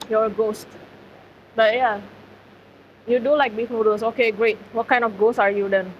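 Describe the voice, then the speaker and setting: A woman live-streaming while eating at a food centre, chatting casually with her viewers and using lots of fillers. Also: fairly high pitch. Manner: chatty, filler-heavy, talks to chat. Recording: slightly dull audio, faint background noise.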